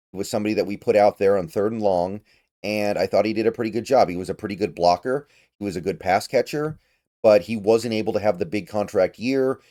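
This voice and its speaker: A man's voice: fairly low pitch, dark tone. A tired man hosting his own sports channel, casually talking through player signings and hedging his opinions. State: tired, yawning. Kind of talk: casual sports analysis monologue.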